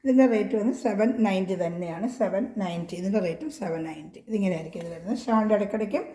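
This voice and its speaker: A quick-talking woman from Kerala shows off clothes in a casual home selling video. Her voice is mellow and rings in an echoey room. She pushes her volume up and keeps checking that viewers are following. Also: mid-range voice. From Kerala, India. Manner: chatty, reassuring, repeats tag questions; speaks as loudly as she can. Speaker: online clothing seller. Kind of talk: casual product showcase.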